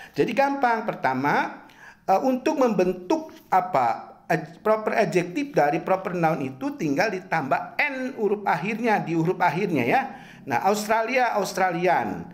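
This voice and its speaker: Male lecturer, middle-aged, slow deliberate delivery, sing-song rising and falling pitch, repetitive drilling of examples. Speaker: English lecturer. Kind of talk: university English grammar lesson.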